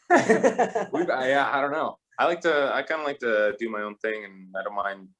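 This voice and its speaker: A man's voice: mid-range voice, animated, moderate pace, a bit bright. A man in his twenties, a rugby player chatting easily as a guest with lots of fillers. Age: 20s. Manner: easygoing, rambling with frequent fillers. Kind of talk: casual interview chat.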